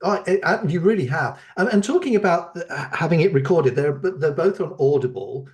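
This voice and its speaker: A man's voice: fairly high pitch, lively intonation, normal speed. A man hosting a podcast interview, asking long rambling questions full of repeated words. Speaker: podcast host.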